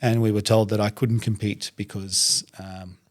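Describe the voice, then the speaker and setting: A young adult man from Iraq, a native Arabic speaker, talking as a guest in a studio interview in a thoughtful, measured way, often pausing to gather his words. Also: fairly low pitch, little pitch movement. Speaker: guest, doctor and reciter. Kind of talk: conversational interview.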